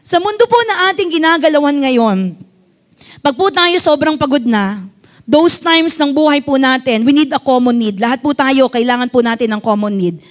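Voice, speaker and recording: A woman's voice: high-pitched, lively intonation, moderate pace. A middle-aged woman pastor with a Filipino accent, preaching a fervent sermon that mixes English into her talk and asks the congregation questions.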